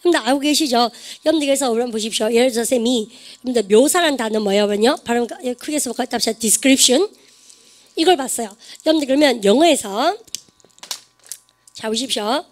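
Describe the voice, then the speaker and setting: High-voiced woman teaching English grammar. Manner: lively, quizzing students with rapid questions. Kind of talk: online grammar lecture.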